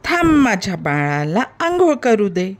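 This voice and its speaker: Woman playing a sensible mother sparrow, raised bright voice, storybook. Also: medium pitch, very animated, measured pace. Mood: motherly. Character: busy caring mother sparrow, hardworking and sensible.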